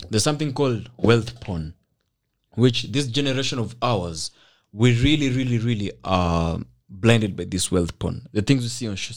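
A young Kenyan man with a fairly low voice hosts a casual podcast. His talk is animated and slangy, full of street expressions and little checking tags. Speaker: podcast host. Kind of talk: casual chat mixed with slang.

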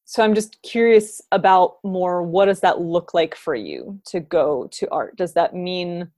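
A woman conducts an interview in a relaxed, conversational way, asking curious, open questions. She sometimes loses her thread and rephrases her questions mid-sentence. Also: fairly low pitch, unhurried.

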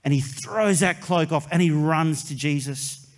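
A man, a pastor preaching a sermon in an earnest way, with long pauses and soft dramatic drops. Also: on the high side.

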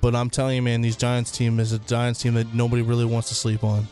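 A man co-hosts a casual sports podcast and argues his picks emphatically, filling his talk with "like." His pitch sits in the middle range. Faint music plays behind him. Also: monotone, quick pace, a little mellow. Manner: emphatic, says "like" a lot. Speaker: podcast co-host.

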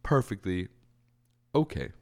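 A young man hosts a college radio show on a studio microphone, chatting casually in a solo podcast style. His lowish, darkish voice is sing-song, unhurried, and stuffy and congested; he rambles, corrects himself, and clears his throat.

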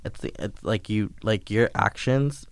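A man's voice: lowish voice, unhurried, vocal fry, clear, resonant tone, no room sound. A man co-hosting a podcast, chatting casually, giving short agreeing replies and sometimes fumbling for words. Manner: short backchannels, searching for words. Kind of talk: casual chat.

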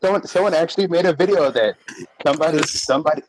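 A man's voice: on the high side, over a noisy crowd, low-quality recording. A man co-hosting a podcast in casual fan chat, often repeating the starts of his phrases as he goes. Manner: stammering, repeats phrase starts while rushing ahead. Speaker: podcast co-host.

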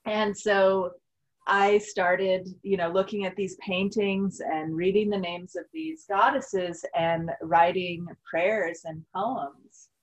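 A woman's voice: on the low side, steady tone, takes it slowly, low-quality recording. A woman talking earnestly and reflectively in a casual spiritual conversation, with frequent fillers.

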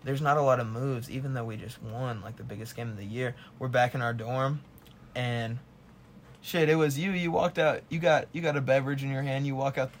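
A young man leads a casual podcast chat, telling a college party story in a loose, profane way. His voice sits at an ordinary pitch, with a faint hiss under the recording. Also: steady tone, fairly quick. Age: young adult. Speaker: podcast co-host.

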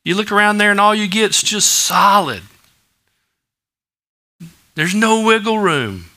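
A man preaches in a relaxed, conversational style, full of everyday stories and asides. His voice is bright and forward and sits a little high for a man. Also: a little slow. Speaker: pastor. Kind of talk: sermon.

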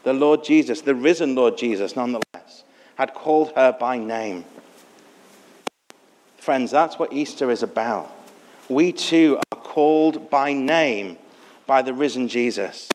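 A man's voice: a little high, slight background noise. A man preaching an Easter sermon with earnest, reflective storytelling. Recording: long hall reverb.

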